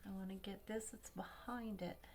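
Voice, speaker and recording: A woman's voice: mid-range voice, steady tone, moderate pace, darkish tone. A woman hosting a craft tutorial, talking casually as she colors and thinking aloud, sometimes dropping to a near-whisper. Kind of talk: casual demo narration while coloring.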